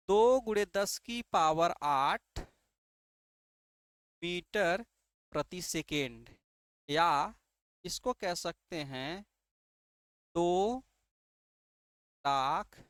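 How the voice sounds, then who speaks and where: A man's voice: fairly high pitch, a bit bright, clean tone, no room sound, studio quality. A male teacher giving an exam-prep lesson, asking rhetorical questions and answering them himself, and often repeating key terms. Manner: repeats key terms and checks understanding with "ठीक है".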